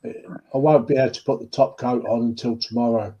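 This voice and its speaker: Man, husky voice, easygoing friendly chat, mid pitch. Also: steady tone, a little fast, dark tone, dull audio. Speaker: guest on a livestream. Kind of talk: casual chat.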